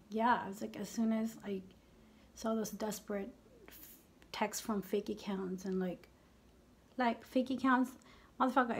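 A woman's voice: medium pitch, darkish tone, a little hiss or hum. Candid, foul-mouthed woman vlogger in her fifties. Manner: candid and profane, often dropping to half-whispered asides. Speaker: beauty vlogger. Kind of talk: casual makeup chat.

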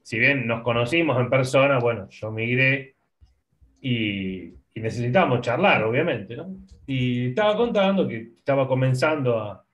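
A man co-hosting an interview, explaining calmly and thinking aloud with small restarts. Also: medium pitch, normal speed. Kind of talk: conversational explanation.

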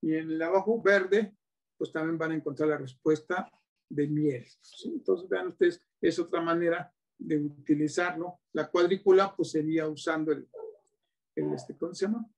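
A man's voice: fairly high pitch, steady tone, moderate pace, gravelly. A man with a Mexican Spanish accent demonstrating teaching materials, patiently checking in with his audience as he explains. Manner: patient, asks many rhetorical checks. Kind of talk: classroom-style demonstration.

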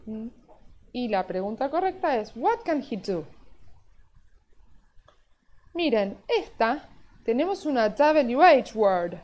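Slow, patient woman teaching an online English class. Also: on the high side. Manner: slow, patient, drawn-out explanations with check-ins like "yes?". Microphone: video call. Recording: dull, lo-fi online class audio.

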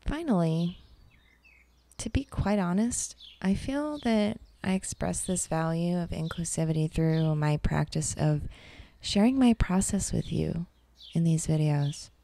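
A woman artist and teacher giving a calm, reflective talk over an art demonstration, soft and unhurried with fillers. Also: on the low side, gravelly.

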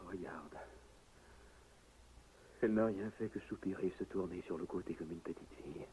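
An actor playing a grieving husband in a 1960s radio drama, swinging from hushed pleading to anguished cries. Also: male voice, deep voice, moderate pace, close to an everyday voice. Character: grieving husband Admette, desperate and self-reproaching. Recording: muffled old radio recording, faint hiss.

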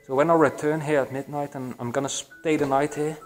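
A young Belgian-accented man films his exploration of an abandoned building for his vlog, narrating in an excited hush with plenty of fillers. He speaks fairly quickly at a fairly high pitch, faint music playing behind him. His action camera, handheld or body-worn, picks up the echoey halls and attic.

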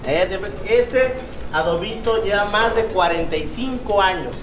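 A high-pitched man in his thirties with a Mexican accent from the Guerrero coast speaks unhurriedly while casually showing how he cooks at an open-air beach restaurant and its kitchen. He repeats himself and peppers his lines with "eh?" tags and rhetorical questions. The camera picking him up sits a few steps away, giving a roomy, distant sound with music underneath.

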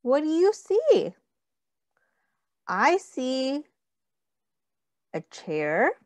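An early childhood teacher, a middle-aged woman, reads a picture book to small children in a high, very animated voice. She moves slowly through simple phrases, stopping to ask her listeners questions. The sound is close and dry.

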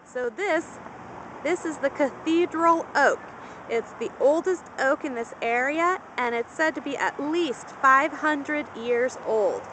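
A woman's voice: high-pitched, expressive, takes it slowly, background noise. A woman narrating a guided tour as she walks outdoors through a cemetery, recorded on a handheld camera. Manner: informative, walking and pointing things out. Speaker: travel vlogger. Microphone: handheld camera mic.

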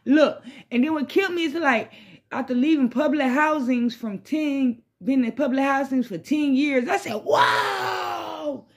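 A woman with a fairly high voice chats to her phone in a bedroom. She rambles like a stoner at a smoke session, loose and slangy. She swears freely and repeats herself as she drifts along. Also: normal speed. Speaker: vlogger hosting a smoke session. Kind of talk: casual rambling chat to camera. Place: small bedroom, indoors. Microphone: phone propped at arm's length or a little further.

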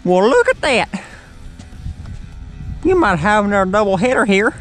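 A folksy man with a Southern drawl talks casually out on a lake. His voice sits high and swings widely in pitch, teasing and joking as he fishes. Soft music plays faintly underneath. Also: big pitch swings, moderate pace. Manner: folksy, joking, calls his buddy "son". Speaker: host of fishing show. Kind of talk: casual chat while fishing. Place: outdoors on a boat on a lake.

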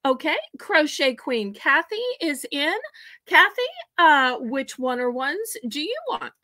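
A woman's voice: sits high, animated, slow, sharp tone. A woman hosting a live online auction from home, chatty and folksy as she counts out items for bidders.

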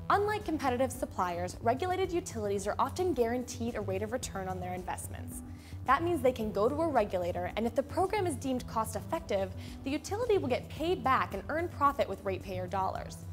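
A young woman hosting a scripted explainer in a studio, speaking clearly and upbeat into a lapel mic. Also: a little high, sing-song, fairly quick, music in the background. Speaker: host. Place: studio with a plain gray backdrop.

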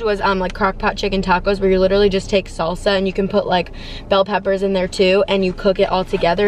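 A young woman vlogger sits in a parked car chatting to her dashboard camera about her grocery haul, bubbly and casual, gesturing a lot with her hands. Her voice is medium in pitch, with a little background noise.

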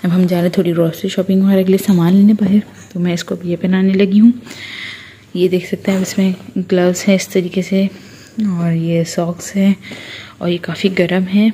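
A woman's voice: lowish voice, level tone, moderate pace, warm tone, slight background noise. A young woman from Karachi with a Pakistani Urdu accent, chatting casually to viewers as a family vlogger and showing her things one by one. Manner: chatty, addresses viewers directly, shows items one by one. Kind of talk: casual vlog narration.

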